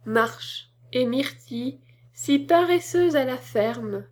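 A woman narrating a classic tale as an audiobook, reading in a measured storytelling manner. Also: fairly high pitch, a little mellow.

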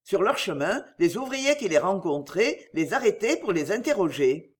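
A woman narrating a classic novel as an audiobook, in an expressive storytelling manner. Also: mid-range voice, moderate pace, husky.

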